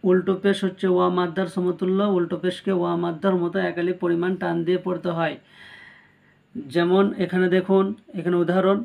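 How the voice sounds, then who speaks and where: Speaking with medium pitch and some vocal fry, a Quran reading teacher gives a spelling-out recitation lesson. Each letter and vowel mark is spelled, the joined syllables are then drawn out, and the teacher addresses viewers directly.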